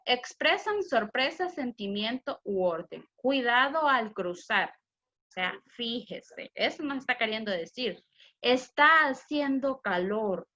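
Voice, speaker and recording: A woman's voice: fairly high pitch, a bit bright, lo-fi sound. A woman teacher giving a recorded grammar lesson for children, explaining patiently step by step with example sentences. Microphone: computer mic.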